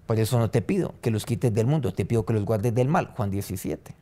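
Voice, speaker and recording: Man, pastor, sermon then prayer, warm dark tone, swings between loud and hushed lines. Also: lowish voice, animated, brisk. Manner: preaching with sudden rises and soft drops.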